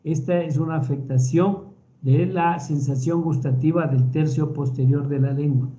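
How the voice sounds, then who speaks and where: A man with an Ecuadorian Spanish accent giving a recorded medical lecture in a measured, explanatory way, often repeating words as he thinks. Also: a little high, fairly even intonation, dark tone, lo-fi sound.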